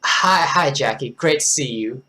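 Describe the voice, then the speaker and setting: A man's voice: mid-range voice, animated, unhurried, pushed and bright. A flustered young man cooking for a date, as a man reads him.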